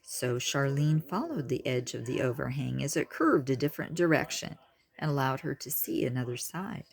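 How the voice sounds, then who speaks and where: A woman reading a children's storybook aloud, slow and expressive. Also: very deep voice, gravelly. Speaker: audiobook reader. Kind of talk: storybook narration.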